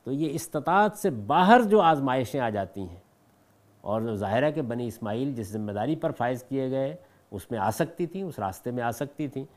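A man teaches a scholarly lesson on scripture in a mid-pitched voice. He talks in a measured, formal way and slows down to recite each verse before he explains it. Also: a little mellow. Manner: slows to chant the verses in Arabic, then explains them in Urdu. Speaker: Quran commentator.

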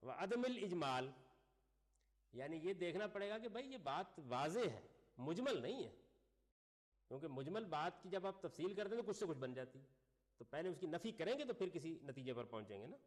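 A man giving a classroom lecture, reading Arabic phrases and then explaining them while putting questions to his class. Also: fairly high pitch. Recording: long reverb of a lecture hall.

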